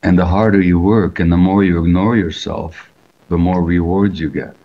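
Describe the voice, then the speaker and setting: An older man who grew up in Hungary, a physician answering interview questions over a video call in a measured, explanatory way, often posing rhetorical questions. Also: deep voice, fairly even intonation. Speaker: physician and author. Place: indoor room at home. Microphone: video call webcam. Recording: dull lo-fi video call audio.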